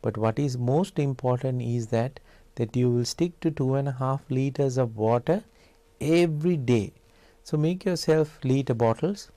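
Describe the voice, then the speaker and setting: A man with a Sri Lankan accent explaining health advice as an Ayurvedic doctor, in a deliberate, instructive manner that spells out each point. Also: medium pitch, dark tone, no echo. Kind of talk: explanatory health talk to camera.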